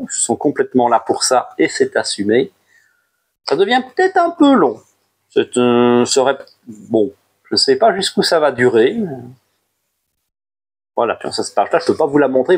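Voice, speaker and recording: A man in a relaxed video review of his manga buys, talking at a middling pitch. He rambles in a friendly way, jumps up in pitch whenever he moves on to the next title, and drops in teasing little jokes along the way. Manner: chatty and animated, jumps up in pitch on new titles, playful asides. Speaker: manga collection YouTuber. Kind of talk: casual monthly haul review.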